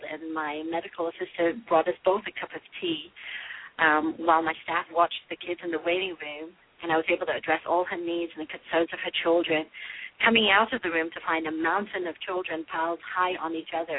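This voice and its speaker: Husky woman on a phone line. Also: lowish voice. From England. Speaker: family physician, interview guest. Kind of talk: interview answers. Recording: tinny phone-line audio.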